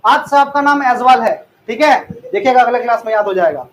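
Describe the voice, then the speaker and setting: A male teacher lecturing a class in a classroom, teasing students and drilling them with quick repeated questions. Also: very high-pitched, lively intonation, low-quality recording.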